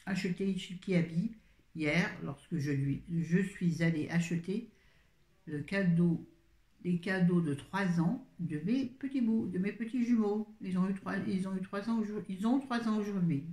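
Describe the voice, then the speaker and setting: A woman's voice: fairly low pitch, dark tone. Chatty rambling older woman, echoey room. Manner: chatty, rambling, easily sidetracked. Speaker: book reviewer. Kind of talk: casual live video chat. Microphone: phone.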